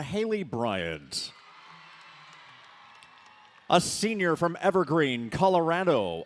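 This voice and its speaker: A man working as an arena PA announcer, introducing teams in a booming, drawn-out stadium style. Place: large indoor sports arena.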